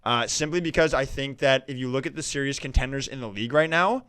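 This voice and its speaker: A man co-hosting a casual hockey podcast, animated and jokey, slipping into loud movie-quote impressions. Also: mid-range voice, quick pace, clear, resonant tone. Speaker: podcast co-host. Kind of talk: casual chat.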